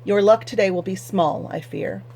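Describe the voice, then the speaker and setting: A woman voicing a stubborn, pious farmer who speaks firmly and flatly in courtly old-fashioned words. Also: medium pitch, moderate pace, vocal fry, breathy edge, heavily acted. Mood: firm courteous. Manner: firm, flat, stubborn. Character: stubborn, pious middle-aged male farmer.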